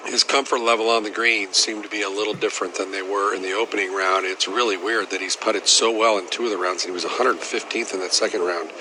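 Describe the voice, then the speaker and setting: A man's voice: lowish voice, steady tone, fast, few pauses, noisy background. A man giving conversational golf commentary as an analyst, reacting to play and adding statistics.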